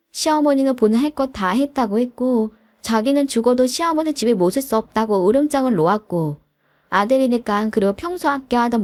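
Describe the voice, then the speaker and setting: A woman's voice: fairly high pitch, darkish tone. A woman narrating her own family story in a weary, plain way. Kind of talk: scripted narration.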